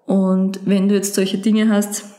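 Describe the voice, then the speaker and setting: A woman's voice: mid-range voice, flat delivery, takes it slowly, mellow, roomy sound. A woman explaining a book in a casual chat, searching for words with many fillers. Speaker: podcast co-host presenting a book.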